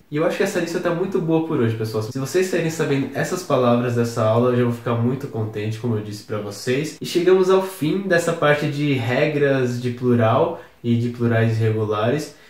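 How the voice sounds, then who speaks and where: A man with a Brazilian Portuguese accent gives a recorded lesson in a calm, patient way, stopping to spell words out one letter at a time. His voice sits at an ordinary middle pitch. The room around him adds a clear echo. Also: moderate pace, few pauses. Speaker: English teacher.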